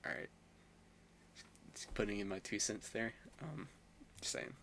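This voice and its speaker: A man's voice: fairly low pitch, lively intonation, unhurried, creaky, a bit bright, a little hiss or hum. Young man reading a visual novel aloud. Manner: chatty, self-mocking asides with laughs. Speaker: gamer.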